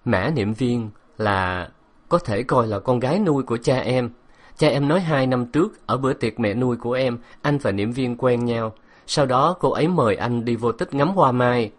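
A man's voice: mid-range voice, moderate pace, natural voice. A man voicing a young woman who is shaken and pleading as she questions her lover in an audiobook story. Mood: earnest.

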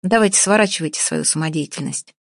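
A woman's voice: deep voice, fast talker, vocal fry, dry recording, studio quality. A woman voicing a curt, pedantic male director. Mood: stern. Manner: officious, prosecutorial, curt. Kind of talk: audiobook character reading.

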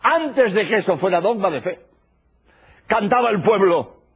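Older man, preacher, husky voice, lively high pitch, dull lo-fi tape sound. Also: a little slow. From Spain. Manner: emphatic, repeats key phrases. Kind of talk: religious lecture. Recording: dull lo-fi old tape recording.

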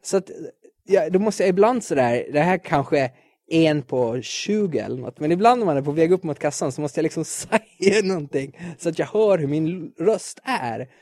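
Podcast host, man, late 20s, from Sweden: slightly high voice, dry close sound, nervy self-mocking rambler who stammers and repeats words. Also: animated, a little mellow, dry recording. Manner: jittery, self-described neurotic. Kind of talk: casual solo podcast monologue.

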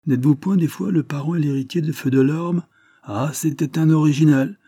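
A man voicing a gruff, suspicious male country peasant who talks in rough rustic speech. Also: a little high, a little fast, mellow, dry recording, clean studio sound, pitched above the performer's own voice. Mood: grumbling.

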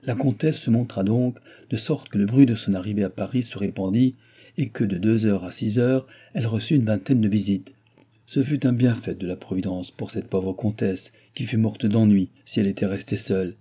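Male audiobook narrator, measured reading, very dark, husky voice. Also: lowish voice. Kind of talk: scripted narration.

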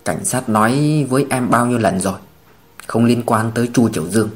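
A man voicing a weary father who pleads firmly for calm. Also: mid-range voice, a little fast, voice pushed down, close to an everyday voice. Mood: pleading. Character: weary father pulling his ex-wife home.

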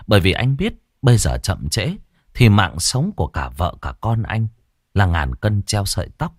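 A man narrating a ghost story in a dramatic, expressive way. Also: on the low side, moderate pace, no echo, studio quality.

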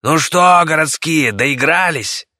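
A man playing a coarse, threatening village ringleader with a hoarse, cawing voice. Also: fairly high pitch, animated, slow pace, pushed and bright, dry recording, clean studio sound, pitched above the performer's own voice, exaggerated voice. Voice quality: hoarse, crow-like. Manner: threatening and bullying.

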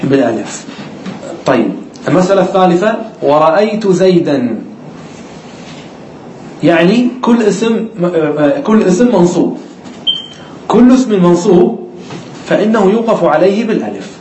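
A man's voice: sits high, lively intonation, normal speed, pauses often, mellow, echoey room, a little hiss or hum, poor audio. A man teaching an Arabic grammar class, who explains step by step, asks the students questions and repeats the key words.

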